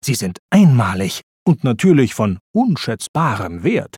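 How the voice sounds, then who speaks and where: A man voicing a clever, brave female spy car in a storybook, with a raised, lively voice. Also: medium pitch, measured pace, slightly rough, dry recording, clean studio sound, full character voice. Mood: determined. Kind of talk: storybook reading.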